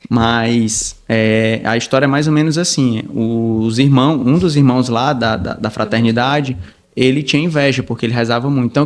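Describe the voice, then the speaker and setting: Animated man telling a story. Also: medium pitch. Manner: animated, rambling with many restarts and quoted dialogue. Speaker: podcast guest. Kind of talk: casual storytelling.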